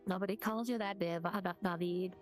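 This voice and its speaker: A man's voice: high-pitched, steady tone, normal speed, soft background music, voice pushed up, close to an everyday voice. Man voicing a curt, sarcastic desk woman. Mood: scornful, weary.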